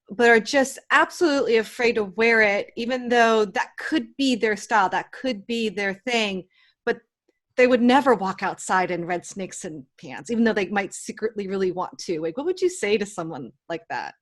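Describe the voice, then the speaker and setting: A woman hosting an interview, asking questions in a thoughtful, loose way with many casual fillers. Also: mid-range voice. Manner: thoughtful, loose phrasing with many "you know"s. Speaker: interview host.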